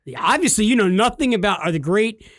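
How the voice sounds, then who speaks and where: A fast-talking man with a high voice co-hosts a gaming podcast, goofing around and delivering absurd jokes with a completely straight face. The casual, joking banter is recorded at studio quality with no room sound.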